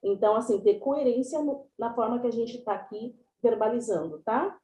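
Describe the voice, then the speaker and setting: A woman presents a class online, chatty and explanatory. Her voice sits fairly high with a mellow, soft tone. The video call picks up a roomy echo. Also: moderate pace. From São Paulo, Brazil. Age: 30s.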